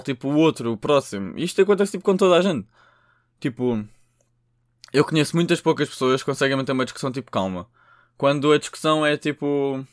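A man's voice: fairly high pitch, no echo, clean studio sound. A young man with a European Portuguese accent, rambling through a casual podcast monologue, full of slang, swearing and filler words. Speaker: podcast host.

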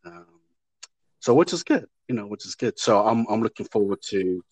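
A man, an actor answering interview questions in a halting way that often repeats words. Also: on the low side, animated, darkish tone, dry recording. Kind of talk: casual interview chat.

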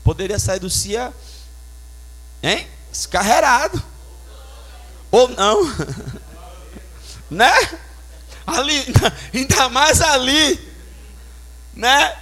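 Male pastor, high voice, punchy sermon delivery with vocal sound effects. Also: very animated, very slow, long pauses, bright, forceful tone. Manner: emphatic, storytelling with sound effects.

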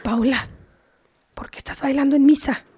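A woman's voice: sits high, fairly even intonation, moderate pace, dark tone, close to an everyday voice. A woman playing a scolding but loving mother with a Mexican accent, lecturing her daughter in a comedy sketch. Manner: scolding, lecturing, half-whispered.

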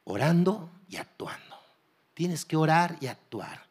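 A man's voice: fairly high pitch, very animated, measured pace, husky. A middle-aged man, preaching a sermon as a pastor and urging his listeners on directly.

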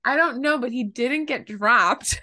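Bright, chatty female podcast co-host. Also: sits high, a little slow. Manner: chatty, giggly, drifts into asides. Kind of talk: playful casual chat. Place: New York City.

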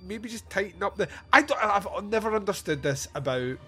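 A man's voice: sits high, animated, moderate pace, a bit bright, soft background music. A man hosting a film podcast, chatting casually in a rambling, enthusiastic, sweary way. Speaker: podcast host.

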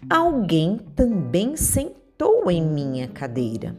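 A woman voicing a gentle mother bear in a children's story, drawn-out and lilting. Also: lowish voice, wildly swooping pitch, soft background music, full character voice. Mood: puzzled.

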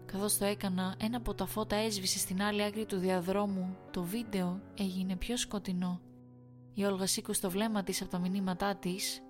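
A woman reading a first-person horror story aloud in a measured, suspenseful storytelling manner. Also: medium pitch, level tone, faint music behind. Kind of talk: scripted horror story narration.

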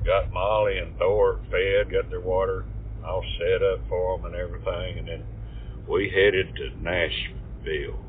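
A man with an Appalachian Southern accent and a slow, folksy drawl, husky, co-hosting a casual comedy podcast. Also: low-pitched, steady tone, narrow, tinny audio, slight background noise. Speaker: podcast co-host. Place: car on the road.

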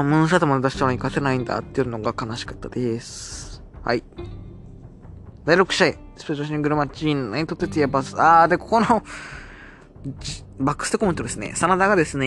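A slightly bright, mid-range male voice belongs to a podcast host who reviews wrestling shows on his own. His casual talk is chatty, and when he recaps promos he lightly imitates what others said.

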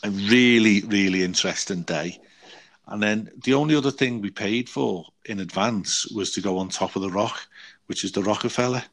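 Man, casual chat, animated storyteller, lowish voice. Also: normal speed.

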